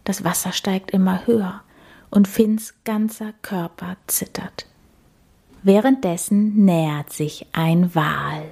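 Slow, soft-spoken woman storyteller. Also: mid-range voice, fairly even intonation, creaky, husky. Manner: soft, half-whispered and soothing. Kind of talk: calm storybook narration.

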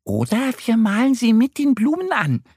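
A man voicing Enny, a cheerful little female duck in a children's storybook, speaking in a bright, delighted way. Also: very high voice, huge pitch swings, moderate pace, slightly rough, dry recording, studio quality, voice pushed up, exaggerated voice. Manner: bright and enthusiastic.

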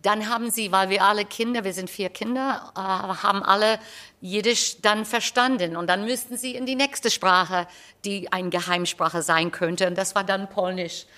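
A woman's voice: mid-range voice, steady tone, moderate pace, bright, forceful tone. An older woman with an American accent, telling anecdotes in casual, humorous interview talk. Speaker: stage performer interviewed about a production.

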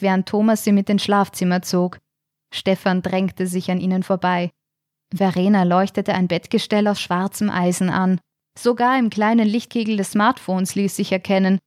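Female audiobook narrator, mid-pitched, suspenseful and measured, dry close recording. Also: a little mellow, dry recording.

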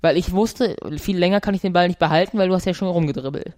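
A man's voice: high voice, a little mellow, no room sound, clean studio sound. A young man arguing with his father in casual talk, insisting on his own version of events. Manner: quick, insistent, contrary. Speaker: son, student. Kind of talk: casual family conversation.

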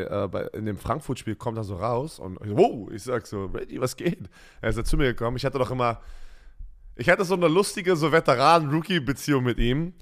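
A German man co-hosting a casual football chat, telling lively stories and laughing often. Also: mid-range voice. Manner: animated storytelling, laughs a lot. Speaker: podcast co-host, former football player.

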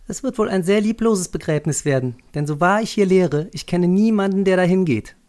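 A man's voice: sits high, fairly quick, darkish tone, pitched above the performer's own voice, close to an everyday voice. A man voicing a heartless, scornful young female teacher in a haughty tone.

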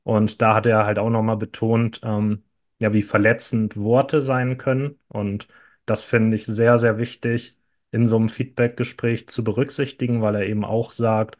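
Flat-toned man, measured podcast guest. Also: lowish voice. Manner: measured, thoughtful. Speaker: guest, youth football coach and sports teacher. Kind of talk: conversational interview.

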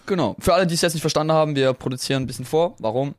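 A man's voice: on the high side, very fast, dry recording, clean studio sound. A young man co-hosting a casual podcast, teasing his friend in playful slang. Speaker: podcast co-host. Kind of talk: casual chat.

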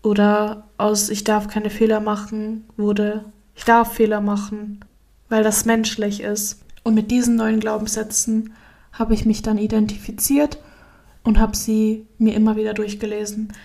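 A woman's voice: mid-range voice, completely flat delivery, measured pace, warm tone. A young woman talking candidly and casually to her viewers in a personal self-help vlog. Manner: casual, candid, slangy, addressing viewers directly. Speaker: vlogger.

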